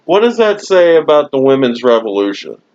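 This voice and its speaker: A man's voice: medium pitch, big pitch swings, normal speed, a little mellow, lo-fi sound, slight background noise. A man giving a profane, exasperated rant as a wrestling show reviewer, recorded at home. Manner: exasperated, swears constantly, mocking laughs. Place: home room.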